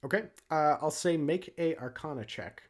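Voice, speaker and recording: A man's voice: a little high, animated, moderate pace. A man running a tabletop game as dungeon master, narrating casually with lots of fillers.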